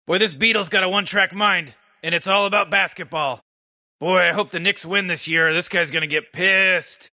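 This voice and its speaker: Speaking at normal speed with a high voice, fairly even intonation, and a sharp tone, a man gives a full character performance as a cynical old mad scientist. He mocks game characters in sardonic comedic commentary, rambling sarcastically, stammering through restarts, and barking insults.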